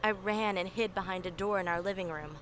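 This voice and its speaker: A woman's voice: medium pitch, fairly quick, fairly bright tone, a little hiss or hum. A woman giving earnest, scripted first-person horror narration in a breathless storytelling way. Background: music.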